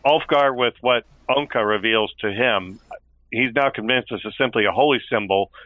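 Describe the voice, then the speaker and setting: A man's voice: mid-range voice, moderate pace, no echo, narrow, tinny audio. A man playing a tabletop role-playing game, explaining his reasoning and narrating what his character does. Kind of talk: in-game discussion, narrating own character's actions.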